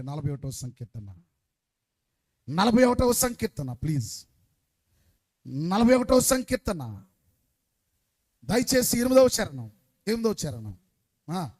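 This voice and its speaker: A man preaching a sermon, calling on the congregation to answer back louder and swinging between quiet asides and shouted lines. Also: sits high. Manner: call-and-response, urging the congregation to answer louder.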